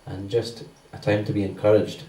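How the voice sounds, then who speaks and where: A man's voice: on the low side, completely flat delivery, moderate pace, mellow. A man giving the church notices in a loose, conversational way with many ums. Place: church hall. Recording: roomy church sound from a distance.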